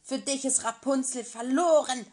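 A woman's voice: high-pitched, moderate pace, warm tone, pitched above the performer's own voice, natural voice. A woman voicing an angry, scornful old sorceress in a children's fairy tale, scolding and mocking harshly.

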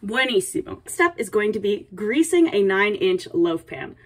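A woman's voice: mid-range voice, sing-song, moderate pace. A young woman playing a playful, sassy princess hosting a comedic baking tutorial, with dry asides and a mock-dainty manner. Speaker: baking video host. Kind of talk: comedic in-character cooking tutorial. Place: small home apartment kitchen, indoors. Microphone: camera a few feet away. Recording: distant kitchen camera microphone.

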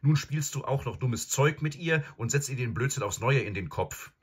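A man voicing a stern eldest brother in a storybook reading, scolding forcefully. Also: low-pitched, sing-song, normal speed, breathy edge, heavily acted. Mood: angry.

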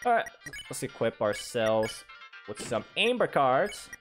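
Man in his twenties, very animated pitch, exclamatory let's play commentary, game music behind. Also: a little slow. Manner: reactive, exclamatory. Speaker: gaming let's player. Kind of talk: casual let's play commentary, reading game dialogue aloud.

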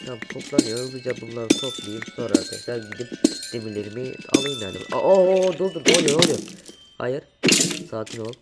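Young guy chatting through his gameplay, middle pitch, lots of loud noise behind him. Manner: chatty, talks to viewers while playing, panics at danger. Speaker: gaming YouTuber. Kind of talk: casual gameplay commentary.

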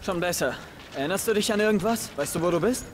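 Rahim, a brash young survivor boss. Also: male voice, sits high, lively intonation, fast. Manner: curt, impatient and sarcastic. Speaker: game character. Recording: game audio with clear background noise.

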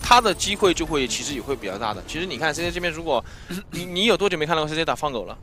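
A man's voice: on the high side, lively intonation, bright, forceful tone. A man giving live esports color commentary, breaking down team tactics and asking his co-caster pointed questions. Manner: fast analytical talk, posing questions to co-caster.

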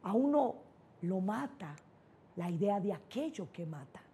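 A woman's voice: mid-range voice, big pitch swings, measured pace, warm tone, slightly rough. A middle-aged woman with a Colombian paisa accent, giving a motivational conference talk and telling personal stories in an emphatic, candid way. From Colombia (Antioquia). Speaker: neurolinguistic programming trainer, speaker.

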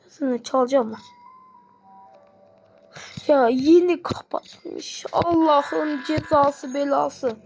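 A woman giving excitable live gameplay commentary, pleading and yelling at the game. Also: high voice, slow pace, gravelly, pauses often, soft background music. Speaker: gamer.

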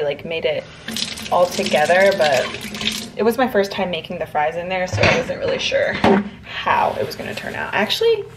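A woman's voice: on the low side, noisy background. A young woman vlogging in a casual, chatty way, with lots of loose filler words as she talks to the camera. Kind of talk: casual vlog chat.

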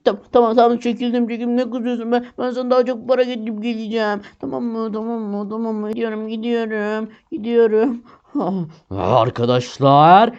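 A man hosting a game video, casually narrating and role-playing, talking excitably to viewers. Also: high-pitched, clear, resonant tone. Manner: excitable, exclaiming, addresses viewers. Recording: lo-fi dull sound.

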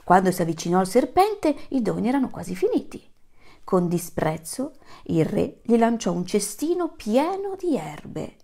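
A woman reads a storybook aloud to children with a lively, swooping voice. Her tone has a gravelly edge, and she tells the tale in an animated, dramatic way. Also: mid-range voice, normal speed. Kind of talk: expressive read-aloud.

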